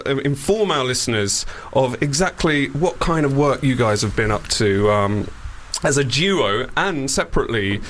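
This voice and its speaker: A man's voice: medium pitch, expressive, normal speed, hardly any pauses, a bit bright, a little hiss or hum. A man hosting a casual interview in a radio studio. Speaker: radio show host.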